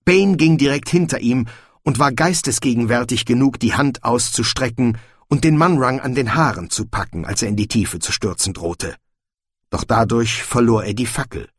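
A man narrating an audiobook in scripted storybook style, with expressive, shifting intonation. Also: medium pitch, moderate pace, slightly rough, no echo. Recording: dry, close audiobook recording.

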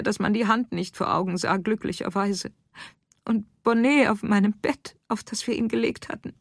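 A reader voicing a frightened farm wife who talks urgently and pleads for help. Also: female voice, fairly low pitch, no room sound, clean studio sound, voice pushed up. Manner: urgent, breathless, lamenting. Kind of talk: audiobook character voice.

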